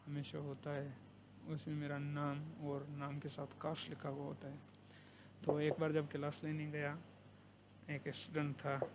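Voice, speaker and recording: A Pakistani-accented man, a lecturer, talks straight to the camera in an earnest, conversational way, dropping English words in as he goes. His voice sits a little high and stays fairly flat, without much rise and fall. A faint hum runs under the recording. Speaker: university lecturer. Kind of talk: personal talk to camera. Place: living abroad, recording informally.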